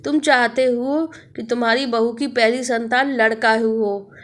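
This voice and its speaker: A woman voicing a tall veiled witch from a cremation ground, loud and mocking in a storybook tale. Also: fairly high pitch, steady tone, a little slow. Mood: taunting. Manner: loud, cackling, taunting.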